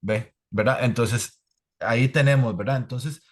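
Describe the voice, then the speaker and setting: A man's voice: mid-range voice, a little slow. A man explaining language points in an academic online talk, often adding "¿verdad?". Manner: explanatory, many "¿verdad?" tags. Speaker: presenter on the creole translation.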